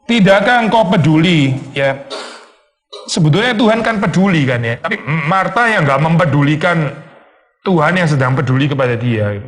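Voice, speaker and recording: A man's voice: on the high side, a bit bright. A male pastor giving a conversational sermon, teaching with rhetorical questions, slipping in English phrases and acting out complaining voices.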